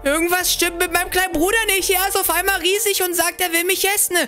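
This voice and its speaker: A young man hosting a game role-play video, excitable and dramatic, talking straight to his viewers. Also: very high voice, quick pace, over loud music. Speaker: gaming video host.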